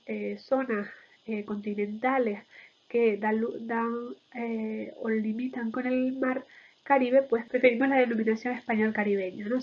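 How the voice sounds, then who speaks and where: A woman's voice: a little high, dull audio. A woman giving an explanatory lecture in a didactic way, often checking in with short tag questions.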